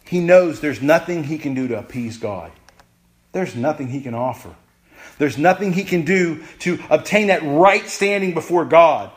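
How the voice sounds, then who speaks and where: Emphatic high-voiced male preacher. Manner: emphatic, repeats phrases, pace swings from rushed to slow. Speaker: pastor. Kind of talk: sermon.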